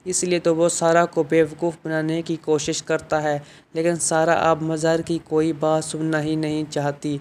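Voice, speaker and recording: A man narrating a drama episode recap, reading the quoted lines in the same even tone. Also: a little high, clean tone.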